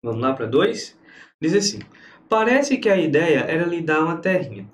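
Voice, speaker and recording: A man's voice: fairly high pitch, moderate pace, echoey room. A Brazilian man teaching grammar for exam prep, who keeps answering his own students' questions. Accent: Brazilian Portuguese. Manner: lively, talks to himself as the student.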